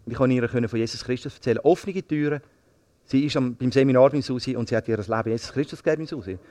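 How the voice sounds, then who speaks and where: A middle-aged man with a Swiss German accent preaching a sermon, telling stories in a lively way, repeating words and swinging between hushed and loud passages. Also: medium pitch, racing, no room sound. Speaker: pastor.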